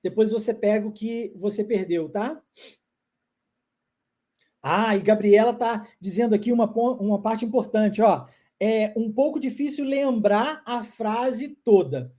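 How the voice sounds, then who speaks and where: Brazilian woman teacher, mellow husky voice, lively up and down, keeps checking in with the class. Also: fairly high pitch. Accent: Brazilian Portuguese. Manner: encouraging, drills phrases slowly with repeated check-ins. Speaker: English pronunciation teacher. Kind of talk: live online class.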